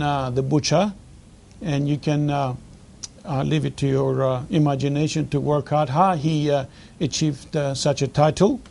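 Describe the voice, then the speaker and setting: A man giving a historical lecture at a conference, earnest and halting, with many fillers and restarts, stressing key words. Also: high voice, a little mellow. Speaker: conference speaker.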